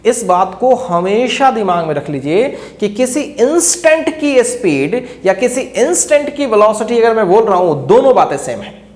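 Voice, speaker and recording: A man's voice: sits high, sing-song, moderate pace. A male teacher giving a lecture who keeps quizzing his students with rhetorical questions and repeats key phrases as he explains. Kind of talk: classroom lecture. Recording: echoey room.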